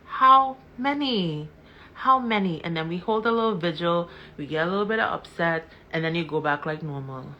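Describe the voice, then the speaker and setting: A woman's voice: lowish voice, fairly quick, hardly any pauses, highs cut off, a little hiss or hum. A woman giving impassioned commentary on a live stream, repeating words and questions for emphasis.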